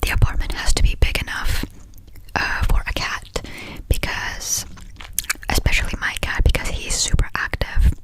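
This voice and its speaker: A young woman from Finland whispering a fast, scattered, casual ASMR ramble with breathy delivery and frequent hesitations while chewing gum. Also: low-quality recording. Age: young adult, about 18. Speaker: ASMR creator.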